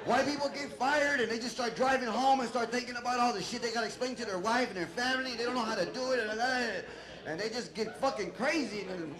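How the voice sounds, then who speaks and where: A middle-aged man doing a loud, profane, rambling stand-up set on a club stage, shouting his punchlines. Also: very high-pitched, quick pace. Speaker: stand-up comedian. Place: comedy club stage with a laughing audience. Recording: echoey live room, loud crowd noise.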